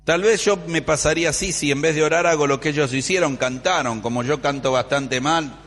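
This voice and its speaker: Preacher in a reverberant hall. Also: male voice, a little high, brisk. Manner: animated storytelling, quotes scripture. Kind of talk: sermon. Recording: long reverb in a large hall.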